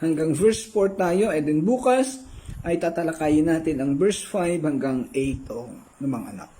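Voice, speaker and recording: A man leading an online Bible study and closing prayer, polite and often clearing his throat. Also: on the high side, expressive, measured pace, mellow, a little hiss or hum, low-quality recording.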